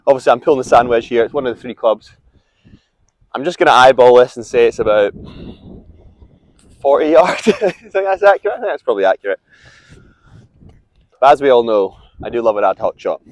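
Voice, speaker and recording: A man's voice: medium pitch, expressive, fairly quick, long pauses. A young man bantering casually with a friend while commenting on his golf outdoors, jokey and matey. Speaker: golf vlogger.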